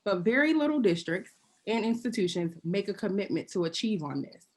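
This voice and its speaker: A woman's voice: medium pitch, expressive, a little fast. Earnest woman panelist on a video call. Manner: earnest, pointed, with wry asides. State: occasionally choking and clearing throat. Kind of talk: prepared remarks on a video panel.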